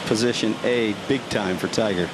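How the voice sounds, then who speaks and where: Male live golf commentator, fairly low register, descriptive shot-by-shot calls, very noisy outdoor background. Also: moderate pace. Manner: descriptive, following each shot. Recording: loud outdoor background noise.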